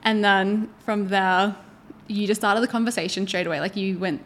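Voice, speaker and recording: A woman's voice: medium pitch, fairly even intonation, normal speed, a bit bright. A woman hosting a relationship podcast, chatting in an upbeat, casual way. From Australia. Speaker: podcast host. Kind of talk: casual chat.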